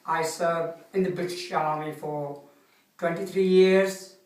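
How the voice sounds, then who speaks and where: Older nepali guy talking real slow and polite, lots of ums, sounds far from the mic in an echoey room. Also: a little high, steady tone. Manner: slow, polite, halting, with many fillers. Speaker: guest, retired Gurkha soldier. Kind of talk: interview answers.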